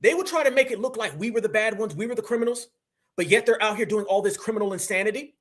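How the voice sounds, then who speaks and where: A man's voice: high-pitched, expressive, fast talker. A man hosting a political livestream, talking in a combative, preachy way and calling his audience family. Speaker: livestream host.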